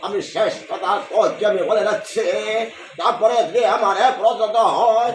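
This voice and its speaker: A Bangladeshi man acting a wrathful, haughty lord in hammy, declamatory folk-theatre style, threatening with drawn-out cries. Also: high-pitched, lightly acted. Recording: roomy, hissy amateur recording.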